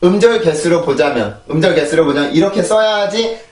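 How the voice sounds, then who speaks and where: A man gives an online pronunciation lesson in a fairly high voice, explaining step by step and repeating practice words in sets. The room rings with a noticeable echo, and he sounds set back from the microphone. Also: expressive, brisk, a little mellow, far from the mic. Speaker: English pronunciation teacher. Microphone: shotgun mic on a phone.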